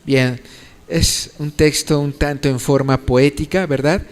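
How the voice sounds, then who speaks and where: A man's voice: a little high, fairly even intonation, unhurried. A man preaching a sermon, explaining scripture with many fillers and restarts, then rising into pleading appeals. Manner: rises sharply to pleading appeals. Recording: reverberant church hall.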